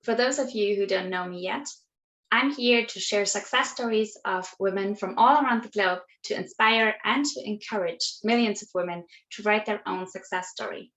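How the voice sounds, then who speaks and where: A woman's voice: mid-range voice, normal speed, fairly bright tone, rough recording. A woman hosting an interview show, upbeat and encouraging, with some hesitant restarts. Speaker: interview host.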